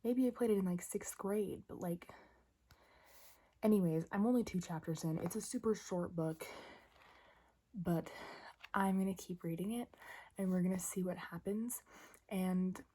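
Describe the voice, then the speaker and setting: A young woman vlogging from bed at midnight, talking in a hushed, chatty whisper full of fillers. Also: on the low side, a little slow, long pauses. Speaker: book vlogger. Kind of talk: late-night casual vlog. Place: in bed at night.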